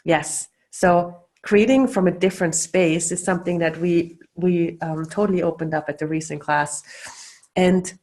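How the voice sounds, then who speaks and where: Over a video call, a middle-aged Austrian facilitator teaches casually, talking loosely with lots of fillers and restarts. Her lowish voice is steady and darkish in tone, at normal speed.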